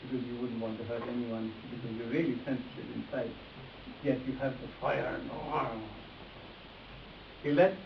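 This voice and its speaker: A man teaches face reading in a live demonstration, speaking directly to volunteers and repeating his instructions as he goes. His voice is medium-pitched and gravelly, flat and at normal speed. The audio is echoey and dull with hiss, picked up by a distant mic.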